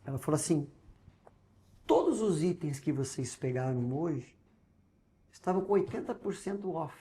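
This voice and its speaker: In an interview, a pastor with a Brazilian Portuguese accent tells a personal testimony, acting out the dialogue and swinging between loud and hushed. His voice is a little high and very animated, at a moderate pace.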